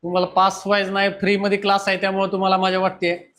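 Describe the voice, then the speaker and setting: Blunt, high-voiced male teacher scolding. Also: monotone, fast talker, a bit bright. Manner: scolding, blunt, talks straight at students. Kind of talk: classroom lecture and pep talk. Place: classroom.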